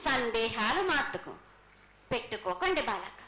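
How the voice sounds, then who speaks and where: A woman's voice: a little high, very animated, normal speed. A woman speaking as an oracle, making ritual pronouncements in the voice of a goddess. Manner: oracle-like, declaring blessings and assurances in first person as the goddess. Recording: echoey live event with background noise.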